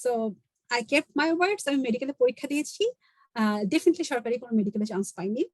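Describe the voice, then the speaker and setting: A woman's voice: on the high side, animated, rapid-fire, no room sound, rough recording. A Bangladeshi woman in her late twenties, giving an earnest online talk and switching between Bangla and English mid-sentence. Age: late 20s. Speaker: guest speaker. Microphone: video call.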